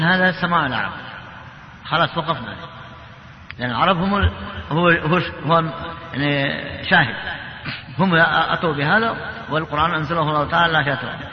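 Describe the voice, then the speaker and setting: A man teaching the rules of Quran recitation, explaining patiently and chanting example verses slowly. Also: a little high. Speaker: tajwid teacher. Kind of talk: classroom lesson on Quran recitation. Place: mosque. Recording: echoey, dull, slightly noisy hall recording.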